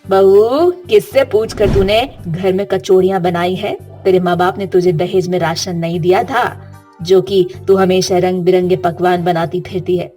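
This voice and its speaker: A woman's voice: fairly low pitch, fairly even intonation, moderate pace, mellow, faint music behind, lightly acted. A woman voicing a domineering older mother-in-law in a cartoon story, who talks in a harsh, scolding way.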